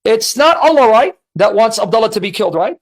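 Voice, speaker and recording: Male host, strikingly high pitch, insistent and argumentative in a call-in debate. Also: expressive, fairly quick, rough recording. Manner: insistent, presses with rhetorical questions.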